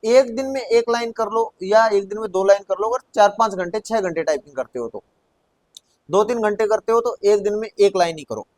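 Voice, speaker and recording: Man, Rajasthani Hindi accent, typing teacher, high voice, dry close sound, patient and repetitive. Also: a little mellow, dry recording. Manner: patient, repeats words slowly while demonstrating. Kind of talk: hands-on lesson.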